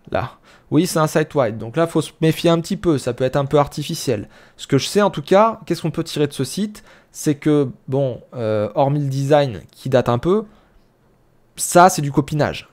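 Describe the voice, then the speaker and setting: A man hosting a casual screen-share tutorial, thinking aloud with lots of fillers and quick asides. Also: fairly high pitch, darkish tone. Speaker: SEO tutorial host.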